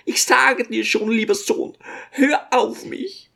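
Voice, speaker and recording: A man reading an audiobook and voicing a fussy, pious, tearful old mother in a high, pleading voice. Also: takes it slowly, creaky, sharp tone, exaggerated voice. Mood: fretting. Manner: pleading, fretful, high-pitched. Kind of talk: audiobook character voice.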